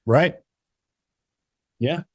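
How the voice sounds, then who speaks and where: A man from the Chicago area, a playwright and solo performer, chatting in an interview in a quick, animated way with lots of restarts. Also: no echo, studio quality. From Chicago area (Barrington). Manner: animated, quick, many restarts and "you know"s. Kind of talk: casual interview conversation.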